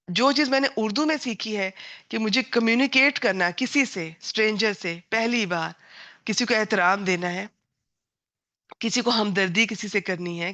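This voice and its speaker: Bright-voiced woman teacher giving a class. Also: medium pitch, no room sound, muffled recording. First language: Punjabi. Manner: warm, earnest, digressive teacherly talk with English words mixed in. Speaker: Quran and Arabic grammar teacher. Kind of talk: online class lecture.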